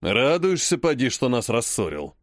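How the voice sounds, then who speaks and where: A man voicing a grumbling old grandfather, the head of a noble clan, who speaks slowly and scolds. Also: medium pitch, sing-song, no echo, studio quality, voice pushed down, natural voice. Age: over 60. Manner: slow, grumpy, scolding.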